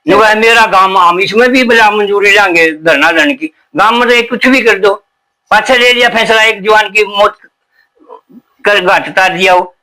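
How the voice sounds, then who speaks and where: A man's voice: high voice, moderate pace, pushed and bright, rough recording. A man, a sadhu giving emphatic, rambling answers in an interview to defend his guru.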